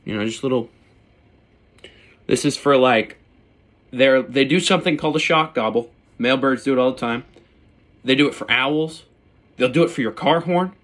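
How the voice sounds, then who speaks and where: A man with a bright, forceful voice and an average pitch gives an informal, hands-on demonstration. He speaks bluntly and casually, with slang and mild swearing, like a hunter showing his kit. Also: normal speed, pauses often. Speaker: turkey hunter presenting his calls.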